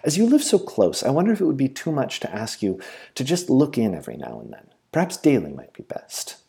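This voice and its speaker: A man voicing a brisk middle-aged hospital matron who asks favors in a businesslike, polite way. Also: rumbling low, huge pitch swings, vocal fry, warm tone, pitched above the performer's own voice, exaggerated voice. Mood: concerned.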